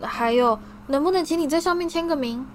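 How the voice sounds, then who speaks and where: A man's voice: very high voice, fairly quick, slight background noise, voice pushed up. A woman voicing an eager, starstruck young schoolboy who gushes and pleads breathlessly.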